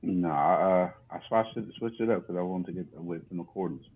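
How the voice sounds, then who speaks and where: A man co-hosting a podcast, heard through muffled, bass-heavy computer audio while he asks how his sound comes across in a laid-back, slangy way. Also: quick pace, breathy edge. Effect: muffled, bass-heavy audio from a bad computer mic. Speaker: podcast co-host. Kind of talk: casual chat. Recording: muffled phone-like call audio.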